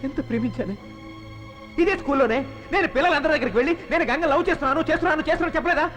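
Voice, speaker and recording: An actor voicing a brash young lover in a dubbed film, emotional and pleading. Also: male voice, very high-pitched, very fast, a bit bright. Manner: pleading and emotional, then cocky. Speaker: film hero. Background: film music.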